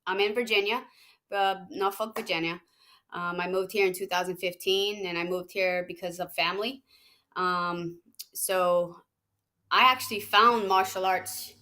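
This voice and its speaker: A young woman from Hawaii, a fighter talking casually in an interview, relaxed and rambling with many fillers. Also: medium pitch. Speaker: MMA fighter, guest.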